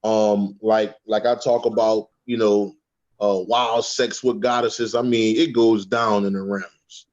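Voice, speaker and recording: Slow-talking profane man. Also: lowish voice, level tone, a little mellow, dull audio. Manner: profane, repeats words, checks in with "okay?". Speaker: guest speaker on a spiritual panel. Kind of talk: casual spiritual talk.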